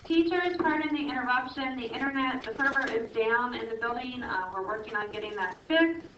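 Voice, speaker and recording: A woman on staff making a halting announcement over a school intercom loudspeaker, heard in a classroom. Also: a little high, lively intonation, background noise. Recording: echoey, muffled loudspeaker picked up from far off.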